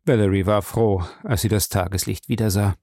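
A man narrating a novel in a measured, even storytelling voice. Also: fairly low pitch, no room sound, studio quality. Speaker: audiobook narrator. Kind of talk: scripted narration.

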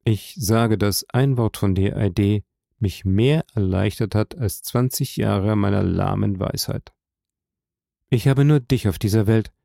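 A man reading aloud plays a grave older nobleman who speaks in a solemn, measured way. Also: fairly low pitch, vocal fry, warm tone, no room sound, clean studio sound.

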